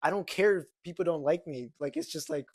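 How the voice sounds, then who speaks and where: Young man, podcast co-host, slightly high voice, dry close sound, rambling chatter. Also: big pitch swings, brisk, gravelly, darkish tone, husky, no room sound. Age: young adult. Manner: rambling, full of fillers and restarts. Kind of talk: casual chat.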